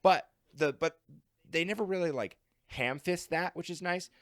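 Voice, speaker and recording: A man co-hosting a film podcast, talking in a rambling, animated way with lots of fillers and laughs. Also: a little high, moderate pace, no echo, clean studio sound. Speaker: podcast co-host. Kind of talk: casual film discussion.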